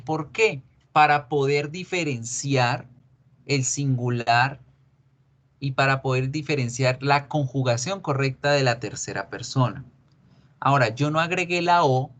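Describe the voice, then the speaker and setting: A man teaching an English grammar lesson, explaining slowly and repeating each example. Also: on the high side. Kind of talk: recorded online grammar lesson.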